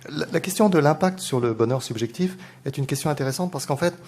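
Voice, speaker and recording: A man on a lecture panel giving a measured answer, hesitating often with fillers. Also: a little high, animated, darkish tone. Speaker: economist panelist.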